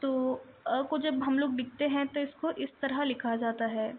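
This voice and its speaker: Woman teacher, high voice, slow, careful delivery, lo-fi phone-like recording. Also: steady tone, a little hiss or hum. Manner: mixes English words into Hindi, stretches sounds for pronunciation. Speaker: Hindi teacher. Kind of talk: slow, patient teaching with drawn-out example words.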